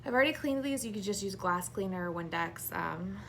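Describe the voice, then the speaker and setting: Heavily pregnant, breathless woman with creaky voice. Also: mid-range voice, animated, a little fast, a bit bright, a little hiss or hum. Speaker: craft tutorial host. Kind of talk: casual hands-on tutorial to camera. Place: small indoor craft room.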